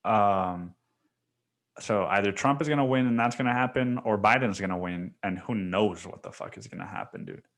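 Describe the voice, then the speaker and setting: On his own podcast, a young Mexican man rambles alone, swearing and leaning on fillers, especially a repeated "dude." His voice sits on the low side, fairly bright, at a moderate pace, in a casual monologue.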